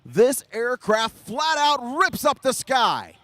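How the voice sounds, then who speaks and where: High-pitched, excited male air show announcer. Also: takes it slowly, dry recording. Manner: excited, hyping the crowd, punchy emphasis. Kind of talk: live air show commentary.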